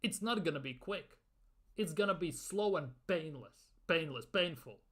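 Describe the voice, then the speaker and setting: A man's voice: on the high side, animated, normal speed, fairly bright tone, breathy edge. A man ranting in a football fan commentary video, exasperated and sarcastic, with some swearing.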